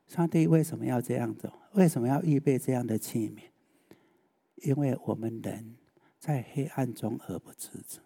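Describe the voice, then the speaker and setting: A man's voice: medium pitch, creaky, warm tone, breathy edge. A male preacher, giving a sermon and often putting rhetorical questions to the listeners.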